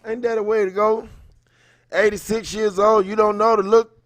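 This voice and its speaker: A livestream host with a high-pitched voice speaks at a moderate pace in a level tone, with no echo. He's informal and slangy, switching between reading aloud and chatting casually with viewers, greeting them by name mid-thought.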